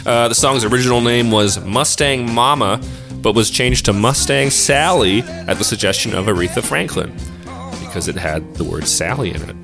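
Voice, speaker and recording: A man's voice: medium pitch, moderate pace, vocal fry. A man co-hosting a music debate podcast, reading prepared arguments with a dry, sardonic wit. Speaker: podcast co-host.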